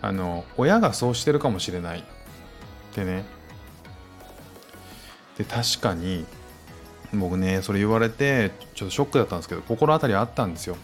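A man in his thirties, a stay-at-home dad, hosting a casual podcast alone at a close mic and reflecting gently on parenting, with lots of fillers. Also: on the low side, expressive, brisk, long pauses, soft background music. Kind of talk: casual spoken-word podcast monologue.

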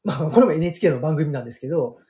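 Animated Kansai-accented man, mellow voice. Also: fairly high pitch, very fast. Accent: Kansai Japanese. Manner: animated storyteller, many fillers. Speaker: guest manga artist. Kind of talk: casual radio chat.

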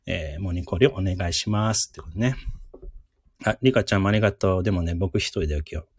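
A man hosting a casual live radio lesson, chatty and encouraging, who repeats each word slowly for listeners to drill. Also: low voice, breathy edge. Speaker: radio host teaching English words.

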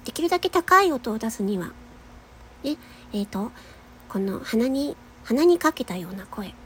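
A nasal woman in her young adult years with a slightly high voice talks through a casual voice lesson. She chats easily, laughs often and demonstrates long held notes. Faint noise sits under her. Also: sing-song, moderate pace, a bit bright. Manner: chatty, laughs often, demonstrates sustained tones. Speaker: voice-training podcaster.

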